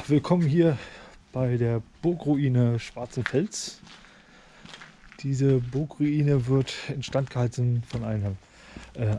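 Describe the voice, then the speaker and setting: A man's voice: mid-range voice, warm tone, slight background noise. A man giving casual, appreciative, unscripted vlog commentary while sightseeing on foot. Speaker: vlogger. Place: outdoors, walking around an open castle ruin.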